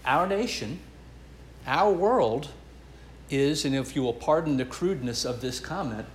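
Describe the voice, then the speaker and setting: A man's voice: medium pitch, echoey room, a little hiss or hum. A man preaching a sermon as pastor, earnest and emphatic, building and dropping his intensity.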